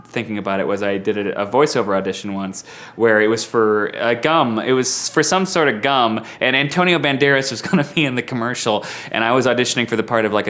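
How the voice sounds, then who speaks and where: A man's voice: mid-range voice, fairly bright tone. A man, an actor, casually telling anecdotes in an interview in a hesitant, rambling, self-deprecating way.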